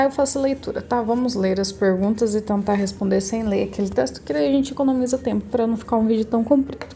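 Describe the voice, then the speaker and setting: Brazilian woman teacher, slightly high mellow voice, talks through each answer patiently for a recorded lesson. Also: slight background noise. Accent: Brazilian Portuguese. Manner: patient, explains step by step with rhetorical questions. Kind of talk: recorded lesson correcting homework.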